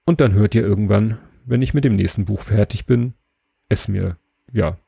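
Man, gravelly and husky voice, dark mellow tone, dry close sound, relaxed podcast book review. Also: lowish voice, moderate pace, no room sound. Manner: relaxed, searches for words with hesitations. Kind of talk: casual spoken book review.

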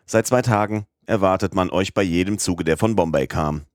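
A man's voice: low voice, normal speed, dry recording, clean studio sound, lightly acted. Man reading as a stern older judge. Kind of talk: audiobook character reading.

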